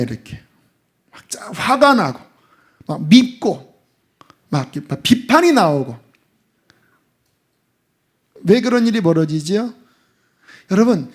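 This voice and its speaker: A middle-aged man preaching a sermon as pastor, lively and emphatic, at times dropping to a hushed voice. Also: high voice. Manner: animated preaching, drops to hushed voice for acted asides.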